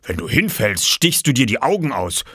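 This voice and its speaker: A man's voice: medium pitch, very animated, normal speed, pushed and bright, breathy edge, no echo, clean studio sound, pitched above the performer's own voice, exaggerated voice. Kindly old farmer, as a man reads him. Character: kindly older male farmer.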